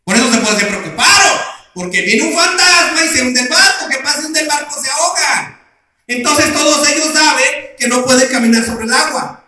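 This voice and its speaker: A man's voice: very high voice, normal speed, bright, forceful tone. A male pastor preaching a sermon, putting questions to the congregation and answering them himself. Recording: very echoey room.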